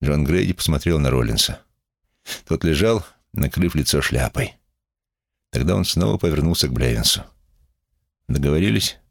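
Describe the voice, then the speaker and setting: A man reading an audiobook as narrator in an expressive, measured way. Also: a bass voice, creaky, no room sound, clean studio sound. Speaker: audiobook reader. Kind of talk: scripted narration.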